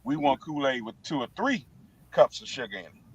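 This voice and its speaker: A man, an animated guest telling stories in casual chat, stammering and restarting, from a parked car. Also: mid-range voice, fairly quick, husky. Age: 50s. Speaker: musician guest. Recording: dull lo-fi sound.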